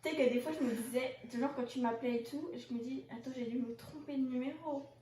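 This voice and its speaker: A woman's voice: sits high, quick pace, mellow, a little hiss or hum. A young woman chatting casually and teasing her partner, laughing often. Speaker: vlogger. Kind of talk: casual chat. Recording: roomy and distant from the mic.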